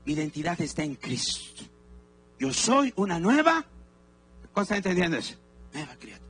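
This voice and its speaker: A man's voice: sits high, very animated, normal speed, a bit bright, breathy edge. A man preaching a sermon as pastor, emphatic and calling his congregation to repeat phrases aloud. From Peru. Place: church sanctuary.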